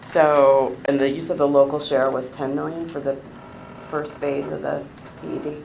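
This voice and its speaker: A woman chairing a meeting, casual and unhurried. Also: low-pitched, flat delivery, creaky, a little mellow, a little hiss or hum, rough recording. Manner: slow, casual, laughs easily. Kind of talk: running a meeting. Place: meeting room.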